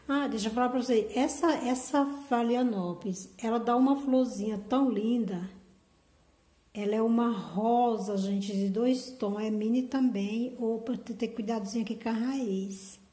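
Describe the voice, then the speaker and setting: In this echoey unboxing vlog, the orchid host's voice is fairly high and dark-toned, at a moderate pace. She lovingly gushes over each plant and keeps repeating "gente."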